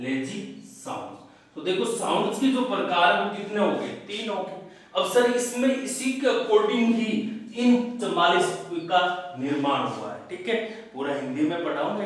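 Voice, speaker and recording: Male teacher, Rajasthani Hindi accent, slightly high voice, quizzes the class and answers himself; very echoey room, mic far away. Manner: asks the class questions and answers them himself, calls students "बेटे". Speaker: English grammar teacher. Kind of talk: classroom lecture in Hindi with English terms.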